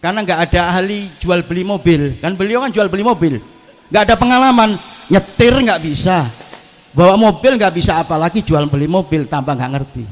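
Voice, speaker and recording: A man's voice: high voice, lively intonation, a little fast. A man with an East Javanese accent giving a humorous sermon, telling stories and addressing the crowd at an outdoor evening gathering. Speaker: preacher. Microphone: PA microphone.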